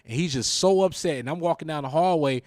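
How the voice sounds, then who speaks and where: A man hosting a talk show, telling stories in a lively, animated way with a Southern American accent. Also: a little high, quick pace, no echo, studio quality. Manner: animated storyteller, acts out quoted lines. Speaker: radio show host. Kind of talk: casual talk show chat.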